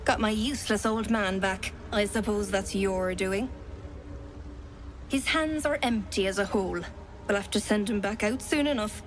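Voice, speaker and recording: An actress playing a callous, bitter elderly wife in a video game, with a dry, scornful manner. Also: female voice, mid-range voice, moderate pace, a little hiss or hum, close to an everyday voice.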